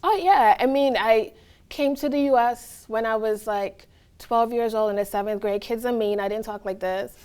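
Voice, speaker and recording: A woman's voice: fairly high pitch, normal speed, a little mellow, smooth. A woman from Trinidad and Tobago giving reflective, earnest answers in a casual interview, often checking in with "right?". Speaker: interviewee, college staff.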